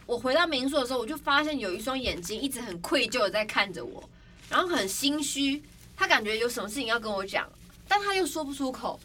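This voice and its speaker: A young woman hosting a podcast, telling stories in a casual, animated way and acting out other people's cries. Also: sits high. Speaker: podcast host. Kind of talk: casual storytelling chat. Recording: slightly distant mic, faint background noise.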